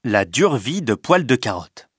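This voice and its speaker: A man narrating a storybook reading in a lively, expressive way. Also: medium pitch, measured pace, over music.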